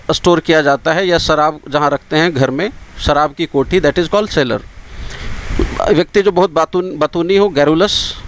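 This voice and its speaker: A man with an Indian accent teaching English vocabulary for competitive exams. He explains each word in Hindi and repeats the English words slowly to drill their pronunciation. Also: a little high, a bit bright, slight background noise, rough recording. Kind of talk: vocabulary lesson for exam prep.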